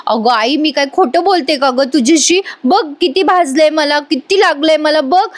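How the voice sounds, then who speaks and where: A woman voicing a scheming young woman who taunts and fake-whines in a high, sneering, sing-song voice. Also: normal speed, no echo, lightly acted. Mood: taunting.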